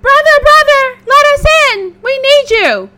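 A woman voicing a frightened young female pig who shouts in a shrill, panicked voice. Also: very animated, measured pace, exaggerated voice. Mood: desperate.

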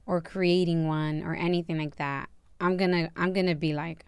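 Blunt young woman, smooth low voice. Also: steady tone, normal speed, a little mellow, no room sound. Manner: blunt, candid, laughs often. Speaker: podcast co-host. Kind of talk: casual chat.

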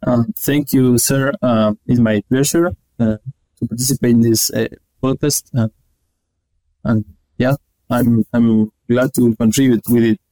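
A young man from Argentina, giving earnest, halting answers as an interview guest. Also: mid-range voice, steady tone, warm tone, rough recording. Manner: earnest, halting, restarts phrases. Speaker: guest researcher.

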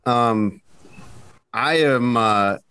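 A man's voice: mid-range voice, very slow, sharp tone, smooth. A man hosting a casual sports podcast, rambling and restarting his sentences, tired from early mornings, with dry jokes. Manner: rambling, self-interrupting, dry joking. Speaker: podcast host.

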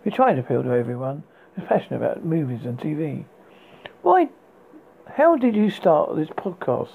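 An amateur reader narrating book extracts in a halting way, with frequent slips and restarts. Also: medium pitch, big pitch swings, creaky, slightly rough. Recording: tinny phone-like sound.

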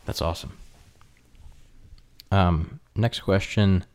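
This man speaks slowly in a deep voice, hosting a laid-back podcast in his home kitchen. Friendly and relaxed, he chats with his guest interview-style, using many fillers.

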